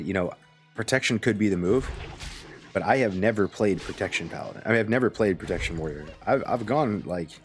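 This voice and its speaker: A male game streamer chatting casually while he plays, rambling with lots of fillers and sounding sleepy and yawning. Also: low voice. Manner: rambling, filler-heavy, laid-back. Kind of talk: casual live-stream chat while playing.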